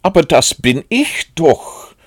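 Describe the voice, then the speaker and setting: A man's voice: mid-range voice, wildly swooping pitch, slow, creaky, husky, dry recording, studio quality, voice pushed up, heavily acted. A man voicing a naive, cheerful toy bear in a storybook reading, talking earnestly. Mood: earnest, eager. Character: cheerful, simple-minded male toy bear.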